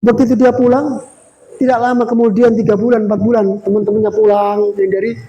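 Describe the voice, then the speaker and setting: A man giving a sermon as a visiting preacher in a small prayer room, telling a story in a lively way and acting out the quoted dialogue. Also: extremely high pitch, fast, highs cut off.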